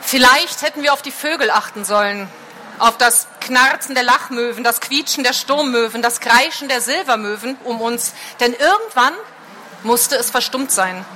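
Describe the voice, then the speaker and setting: Woman reader, dramatic book reading, bright high voice, faint hiss behind. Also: normal speed. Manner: expressive, dramatic narration.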